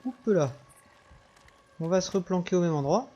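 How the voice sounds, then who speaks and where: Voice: medium pitch, animated, moderate pace, mellow, muffled recording, a little hiss or hum. A let's player giving casual, informal gameplay commentary, thinking aloud with some mild swearing. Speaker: video game let's player.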